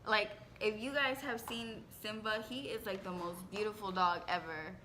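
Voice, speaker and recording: Bright, giggly young woman telling stories. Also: mid-range voice, steady tone, moderate pace, a little hiss or hum. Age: young adult. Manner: giggly and teasing, casual. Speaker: vlogger. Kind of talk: casual story time chat.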